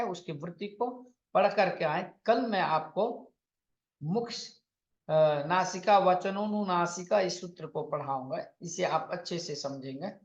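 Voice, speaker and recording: A man teaching Sanskrit grammar in an online lecture, explaining patiently and repeating lists, sometimes chanting sutras slowly. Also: high voice. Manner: slow, patient explaining with repetition and counting out lists. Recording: echoey, dull lo-fi room recording.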